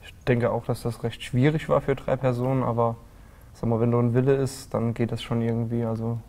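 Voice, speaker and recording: Man in his twenties, from Saarland, even monotone, short calm remarks, faint room ambience. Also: medium pitch, fairly quick, a little hiss or hum. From Saarland, Germany. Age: 20s. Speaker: lead guitarist. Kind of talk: studio interview answers. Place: small TV studio.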